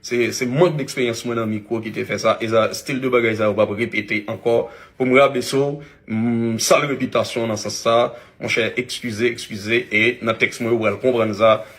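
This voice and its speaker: A man with a Haitian accent, an influencer giving a halting public video apology with many restarts. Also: mid-range voice, fairly even intonation, fairly bright tone.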